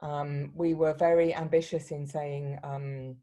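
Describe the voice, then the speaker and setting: A woman moderating an online panel session in a relaxed, informal way, with some fillers. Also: low voice, unhurried. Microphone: video call.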